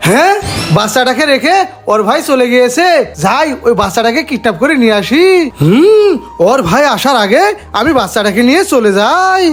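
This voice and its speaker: A woman doing a high stern cartoon lady. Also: lively intonation, normal speed, lightly acted. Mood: scheming. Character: grown-up woman, stern then magical helper.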